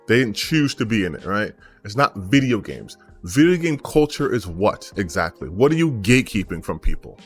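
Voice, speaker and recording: An American man, a gaming channel host, ranting his opinion off the cuff, emphatic and blunt, firing rhetorical questions and swearing casually. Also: medium pitch. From United States. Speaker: gaming YouTuber. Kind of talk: unscripted opinion rant to camera.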